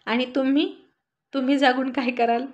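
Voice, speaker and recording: A woman's voice: high voice, level tone, moderate pace, muffled recording, natural voice. A woman voicing a tired, affectionate young wife and mother in a storybook reading, scolding her husband fondly. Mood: playful.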